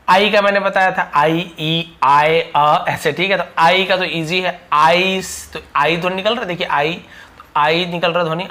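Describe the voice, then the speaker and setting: A man teaching English letter sounds in Hindi, explaining patiently and repeating each sound slowly. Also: fairly high pitch, fairly bright tone. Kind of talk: Hindi-language phonics lesson.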